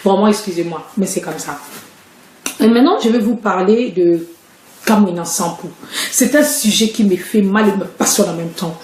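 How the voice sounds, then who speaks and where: A woman's voice: mid-range voice, moderate pace, darkish tone, echoey room, slight background noise. Woman. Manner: chatty, explanatory, hesitant. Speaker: live-stream commentator. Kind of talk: casual live-stream explanation. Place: at home, indoors.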